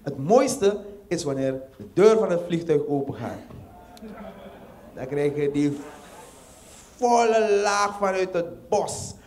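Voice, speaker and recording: A man with a Surinamese Dutch accent performing a stand-up comedy set, telling stories animatedly and acting out scenes with loud exclamations. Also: sits high, lively intonation, slow, long pauses.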